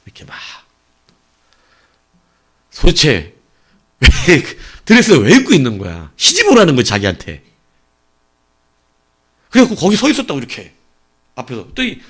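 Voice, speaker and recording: Animated Korean pastor with lively pitch. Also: male voice. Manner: animated storytelling, swinging between loud and hushed; acts out voices of people in his story. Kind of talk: evening sermon with personal story.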